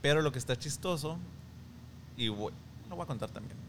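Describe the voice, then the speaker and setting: A man's voice: on the high side, animated, brisk, a little hiss or hum. Candid young Mexican man telling stories. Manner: slangy, candid storytelling. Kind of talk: casual chat.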